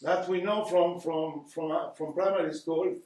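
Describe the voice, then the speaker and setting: Speaking at normal speed in a steady, slightly mellow tone on the high side, this guest speaker is an older man from Argentina with an Argentine Spanish accent. He gives an earnest lecture in a community hall, often pausing and repeating words as he hunts for them, captured on a distant mic in an echoey room.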